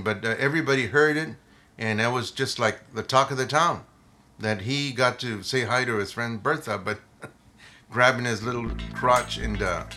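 An older man, a retired police officer, telling a funny story from the job in a casual, animated way, often repeating words. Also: mid-range voice.

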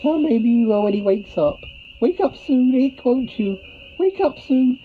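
A man voicing an excitable, affectionate woman with a fluttery, gushing manner in an audio drama. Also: very high voice, a little slow, slight background noise. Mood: anxious, fond. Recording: muffled sound with prominent music. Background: music.

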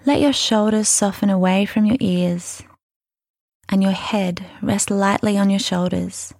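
A woman guides a mindfulness meditation at a very slow pace. Her voice is soft and soothing, with a gravelly fry and breathy phrase endings. The sound is dry and close, and each gentle instruction is given room. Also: medium pitch, steady tone, dry recording. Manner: soothing, unhurried, gentle instruction with long pauses.

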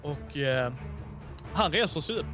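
A man's voice: a little high, faint music behind. En man som berättar som spelledare i ett rollspel, livligt och vardagligt med mycket utfyllnadsord. Rösten är ganska ljus för en man, och svag musik hörs i bakgrunden. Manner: animated, many fillers. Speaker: game master. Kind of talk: casual role-play narration.

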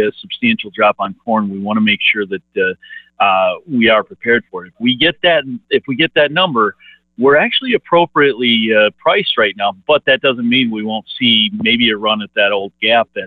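A man speaking as a market analyst guest over a phone line, halting and full of "uh" fillers and restarts. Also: fairly low pitch, no echo. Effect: heard over a phone line. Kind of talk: phone interview on farm markets. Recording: narrow dry phone line.

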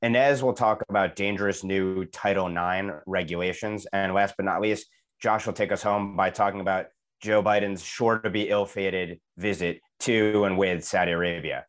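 Deep-voiced man opening a podcast. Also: fairly even intonation. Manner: brisk, upbeat scripted opening. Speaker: podcast host. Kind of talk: show introduction.

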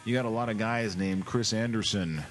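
A man hosts a comedic podcast rant, sarcastic and theatrical, putting on mock emotion. His voice sits on the lower side. Faint music plays underneath. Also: normal speed. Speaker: podcast host.

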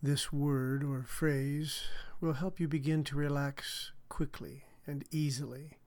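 A man speaking as a hypnotherapist on a podcast, measured and soothing in his delivery. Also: mid-range voice, darkish tone. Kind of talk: guided hypnotic relaxation and explanation.

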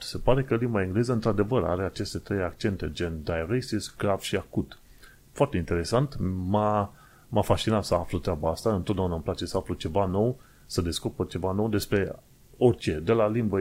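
Low-voiced Romanian man chatting casually. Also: darkish tone. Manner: chatty, digressive, explains step by step with hesitations. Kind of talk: casual explanatory monologue.

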